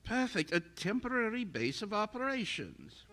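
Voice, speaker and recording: An actor playing an arrogant, bitter invisible scientist in a radio-style drama, speaking in haughty, theatrical, formal language. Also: male voice, high voice, wildly swooping pitch, moderate pace, bright, forceful tone, faint music behind, exaggerated voice. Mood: scheming. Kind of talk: radio-style stage audio drama acting.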